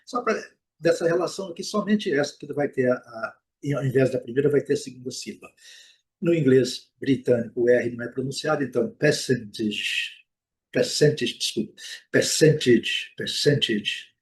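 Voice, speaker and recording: Husky Brazilian man teaching pronunciation. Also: medium pitch, darkish tone. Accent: Brazilian Portuguese. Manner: repeats words slowly, frequent "né?" and "ok?". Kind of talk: explaining pronunciation, slow modeled repetitions.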